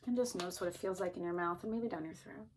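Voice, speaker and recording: A woman therapist calmly and gently guiding listeners through a grounding exercise. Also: fairly low pitch, quick pace, noisy background. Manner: calm, gently instructing. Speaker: therapist teaching a technique. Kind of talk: calm guided grounding exercise.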